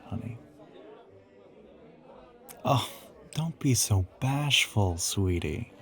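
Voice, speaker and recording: A man with a lowish voice drawls as an ancient, teasing vampire who passes himself off as a human boyfriend in an audio roleplay, often sliding toward a whisper.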